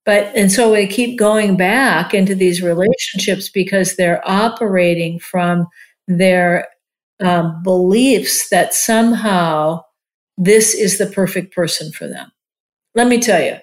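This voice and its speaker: A woman's voice: lowish voice, slow pace. A woman in her sixties, a marriage and family therapist, talking casually in an interview and often using "like" as a filler. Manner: chatty, warm-hearted, many "like" fillers.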